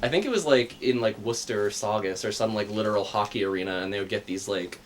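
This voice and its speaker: A man's voice: lowish voice, quick pace, slight background noise. A man in his thirties hosting a live game stream in casual chat, joking, laughing often and muttering to himself while he plays. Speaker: host.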